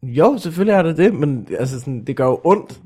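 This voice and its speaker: A young man chatting casually as a guest, halting and restarting often, with bursts of mock outrage. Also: fairly high pitch, lively intonation, warm tone, slightly rough. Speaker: podcast guest. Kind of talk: casual chat.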